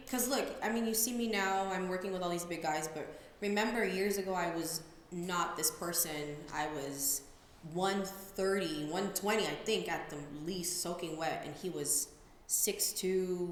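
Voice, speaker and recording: Woman boxing coach as podcast guest, open and candid, low register, recorded in a very echoey room. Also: normal speed. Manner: candid, talks openly and easily about hard personal history. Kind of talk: casual interview conversation. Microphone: sits at a table mic in a podcast studio. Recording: very echoey room, faint background hiss.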